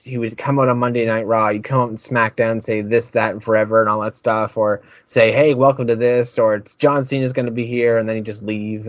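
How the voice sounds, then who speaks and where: A man's voice: mid-range voice, dry recording, highs cut off. A man hosting a casual wrestling podcast, rambling, repeating his words and getting heated. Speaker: podcast host.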